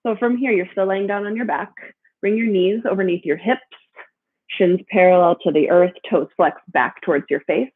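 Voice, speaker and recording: A woman guiding a gentle yoga class in a soothing, encouraging manner. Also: medium pitch, moderate pace, narrow, tinny audio, a little hiss or hum. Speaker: yoga instructor.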